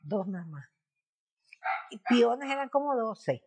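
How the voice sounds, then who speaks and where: A woman in her nineties with a Guanacaste Costa Rican accent, recalling her working life in a documentary interview with plain, halting speech. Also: a little high, very animated, a little mellow, breathy edge. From Guanacaste, Costa Rica. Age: 90s. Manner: reminiscing, plain-spoken, halting with restarts.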